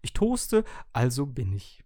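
A man's voice: medium pitch, normal speed, warm tone, dry recording, clean studio sound, natural voice. A man voicing a devout male toaster that worships its owner, in exalted, solemn tones for an audiobook. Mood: ecstatic. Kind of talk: audiobook reading.

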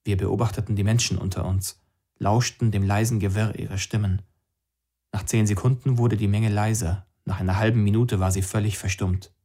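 A man reading a novel aloud in calm, measured scripted narration. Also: fairly low pitch. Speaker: audiobook narrator.

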